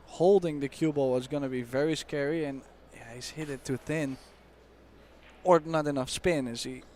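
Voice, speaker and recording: A man giving expert analysis on a pool match as co-commentator, explaining shots in a measured way with casual fillers. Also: a little high, darkish tone. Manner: explanatory, measured, uses fillers like "you know".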